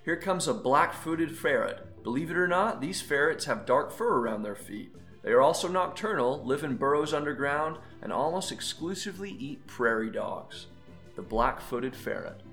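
A man's voice: fairly high pitch, expressive, normal speed, fairly bright tone, faint music behind. A man hosting an animal quiz, reading playful clues and teasing the contestants. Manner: jokey, teasing, laughs between lines. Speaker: quiz host.

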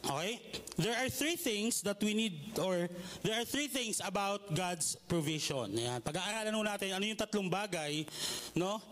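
A man's voice: high voice, lively intonation, unhurried, a bit bright. A male pastor giving a conversational sermon, telling humorous stories and checking in with the listeners often. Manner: conversational, with polite asides and frequent "okay?" checks.

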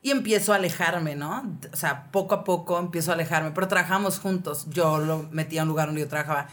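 A woman with a Mexican accent tells a personal story as a podcast co-host. Her delivery is animated and slangy, full of fillers and quick asides. It sounds like a casual chat between friends. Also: lowish voice. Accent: Mexican Spanish.

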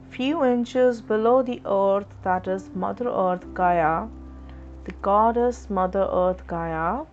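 A woman leading a guided chakra meditation in a slow, soothing, instructive way. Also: mid-range voice. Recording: dull lo-fi recording with soft music.

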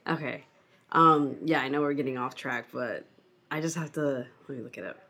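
Low-voiced woman podcast co-host. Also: moderate pace, sharp tone. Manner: rambling, many fillers and restarts. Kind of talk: casual chat.

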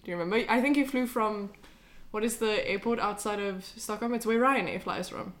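A woman's voice: medium pitch, a little fast. Chatty South African woman hosting a podcast. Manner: chatty, upbeat, asks her guest questions. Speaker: podcast host. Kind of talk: casual podcast chat.

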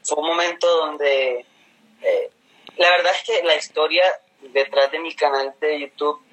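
A man's voice: a little high, fairly even intonation, measured pace, a bit bright, poor audio. A man from Colombia with a fairly neutral coastal Colombian accent touched by inland speech, telling his experiences casually as an interview guest. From Colombia, Caribbean coast. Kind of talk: casual conversational storytelling.

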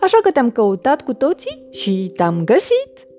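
Brief: storybook mother rabbit, chatty and tired, read by a woman, mellow tone. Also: a little high, wildly swooping pitch, faint music behind, pitched above the performer's own voice. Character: busy sighing female rabbit mother.

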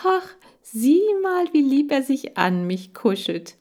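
Woman playing excitable little girl, high and sweet, storybook. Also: a little slow, natural voice. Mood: gushing.

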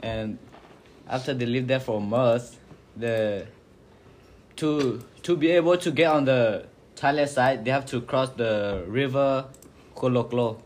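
A young man telling a family story in casual talk, halting and repeating himself. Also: mid-range voice, darkish tone. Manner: halting, repeats words, plain speech. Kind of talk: casual classroom discussion.

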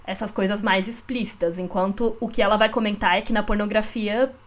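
A woman's voice: mid-range voice, fairly even intonation, brisk. A young woman co-hosting a podcast, talking casually and often adding tag questions. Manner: conversational, frequent tag questions. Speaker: podcast co-host.

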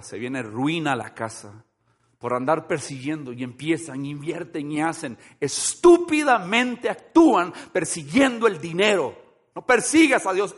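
A high-voiced man preaches a sermon as pastor. He builds his points through emphatic repetition and keeps checking in with his congregation through rhetorical questions. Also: a bit bright.

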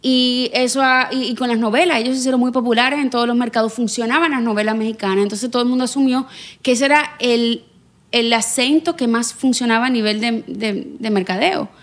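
A woman's voice: on the high side, brisk. A woman from the Dominican Republic with a Dominican accent, chatting casually and expressively in long, opinionated explanations. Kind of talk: casual chat. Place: Los Angeles.

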